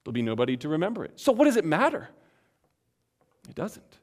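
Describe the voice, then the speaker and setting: A man preaching a sermon as pastor, earnest and emphatic, swinging between loud passages and hushed ones. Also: on the high side, huge pitch swings, fast talker.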